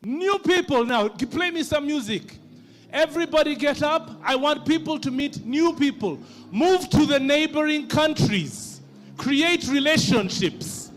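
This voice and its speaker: A man from Uganda co-hosting an awards ceremony, teasing and rousing the crowd in a playful, energetic way. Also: extremely high pitch, measured pace. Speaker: event co-host.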